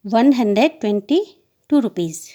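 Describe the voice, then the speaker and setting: A woman's voice: a little high, lively intonation, a little slow, dark tone. A woman teacher explaining a maths lesson to young children, asking questions and answering them herself. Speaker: school teacher. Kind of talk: maths lesson mixing Hindi and English.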